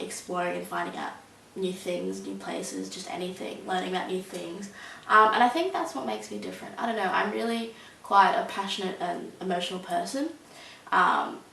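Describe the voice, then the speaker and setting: Her mid-range voice is gravelly with a sharp tone, belonging to a young adult woman fielding interview questions. She answers casually and haltingly, with plenty of ums and likes. Captured from a distance in a roomy setting, the audio carries a faint hiss.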